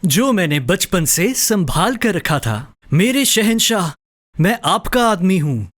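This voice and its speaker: A man voicing a gentle young man in a storybook tale, speaking softly and earnestly. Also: high voice, very animated, takes it slowly, full character voice. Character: gentle young man, the princess's childhood friend.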